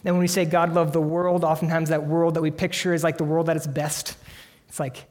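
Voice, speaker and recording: A man's voice: fairly high pitch, level tone, a little mellow. Earnest preaching man in a reverberant hall. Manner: earnest, emphatic preaching with slow dramatic pauses. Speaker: pastor. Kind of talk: sermon.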